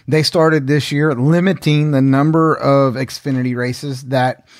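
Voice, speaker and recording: A man's voice: medium pitch, steady tone, unhurried, dry recording, clean studio sound. A man co-hosting a podcast in casual chat, working through his points step by step and readily agreeing. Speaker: podcast co-host.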